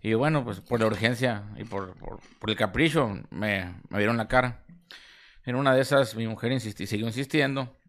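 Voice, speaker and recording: A man's voice: on the low side, normal speed, fairly bright tone. A man with a Mexican accent hosting a podcast, telling a long story in a rambling, slang-heavy way with many restarts. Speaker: podcast host. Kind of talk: casual storytelling chat.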